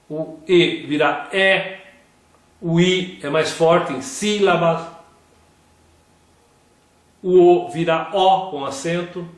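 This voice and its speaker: A man giving a slow scripted grammar lesson, reading word examples one at a time. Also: fairly high pitch. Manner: reads word lists one by one. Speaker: grammar teacher. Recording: very echoey room.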